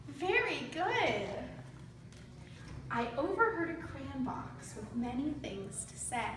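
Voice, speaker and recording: With big swings in pitch and a high, slow delivery, a student teacher reads aloud to her class. She guides the young children with simple instructions and questions to draw them in. The recording is distant and very echoey, with faint noise.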